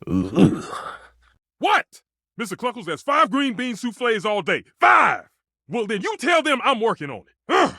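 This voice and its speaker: Stefan, wildly animated flirty stove chef. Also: male voice, very high-pitched, unhurried, gravelly, breathy edge, no room sound, clean studio sound, heavily acted. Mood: harried, exasperated. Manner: theatrical, expressive, swinging between exclaiming and murmuring. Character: passionate, dramatic, flirtatious living stove who is a chef. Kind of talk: voiced dating video game character lines.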